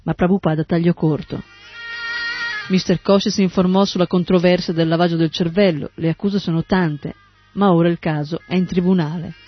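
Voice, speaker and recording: A man narrating an audiobook in a steady, even read-aloud manner, in a dull lo-fi recording with faint music. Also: high-pitched, normal speed.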